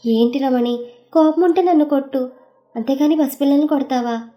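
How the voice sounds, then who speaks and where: A woman's voice: high-pitched, moderate pace, mellow, faint music behind, close to an everyday voice. A woman voicing a playful, teasing husband who talks in an easygoing way. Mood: reproachful.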